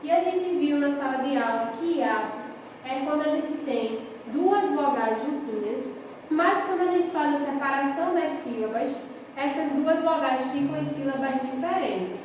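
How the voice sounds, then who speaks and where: A woman's voice: high-pitched, expressive, moderate pace, a little mellow, a little hiss or hum. A woman teacher giving a patient, explanatory recorded grammar lesson, checking in with her students often. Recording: roomy echo, long reverb, distant from the mic.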